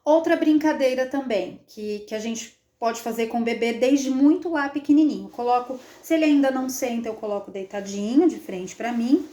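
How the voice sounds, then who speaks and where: A woman's voice: a little high, moderate pace, few pauses, warm tone. A woman with a Brazilian Portuguese accent, a child development specialist giving an instructional demonstration. She explains each step and keeps checking in with frequent tag questions. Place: indoor room, playing with a baby. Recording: roomy echo.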